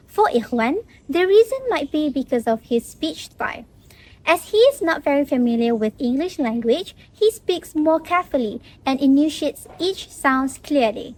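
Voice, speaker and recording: A woman's voice: high voice, darkish tone, low-quality recording. A young woman student presenting a scripted lesson on English pronunciation in a careful, explanatory way. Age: young adult. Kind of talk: scripted educational narration.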